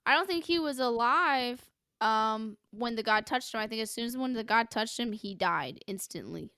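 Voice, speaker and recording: A young woman co-hosting a casual podcast, animated and acting out characters as she talks. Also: on the high side, moderate pace, clean tone, no echo, studio quality. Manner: animated, acts out characters in quotes. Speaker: podcast co-host. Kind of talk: casual chat about a film.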